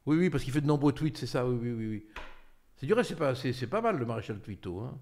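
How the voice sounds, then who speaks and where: A man's voice: medium pitch, expressive, quick pace, darkish tone. An older man hosting a political talk show, speaking emphatically with many fillers and restarts. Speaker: host, political commentator.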